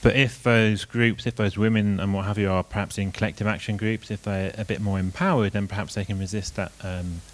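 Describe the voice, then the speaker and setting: A man presenting his group's reasons at a conference, measured and with frequent ums. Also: on the low side, steady tone.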